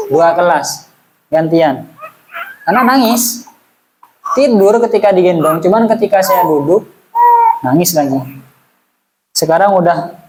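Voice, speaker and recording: A religious teacher with a high-sitting, slightly mellow voice leads a casual Islamic study lesson, chatting with the audience and posing questions to them. The recording is rough.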